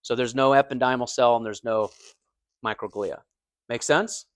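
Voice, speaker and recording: Speaking at a moderate pace with fairly even intonation, a man with a mid-range voice and an American accent lectures on anatomy and physiology. He keeps it conversational, uses everyday comparisons, and checks in with students. The recording has no room sound.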